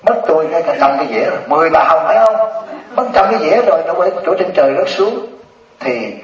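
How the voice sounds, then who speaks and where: A man's voice: a little high, expressive, fast. A man, a Buddhist monk giving a humorous dharma talk and teasing his listeners. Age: 70s. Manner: joking, teasing storyteller. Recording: distant, echoey, dull lo-fi hall recording. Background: audience laughter.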